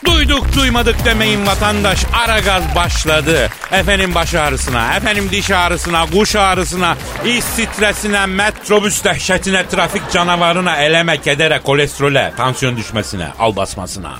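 A man's voice: high voice, normal speed, few pauses, music in the background, pitched above the performer's own voice, close to an everyday voice. A man voicing a brash, playful town crier hawking cure-alls in a sing-song proclamation for a comic radio opening. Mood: brash proclaiming.

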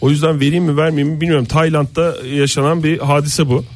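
A man's voice: a little high, little pitch movement, quick pace. A man hosting a comedic podcast, telling a story with hesitant fillers and laughs.

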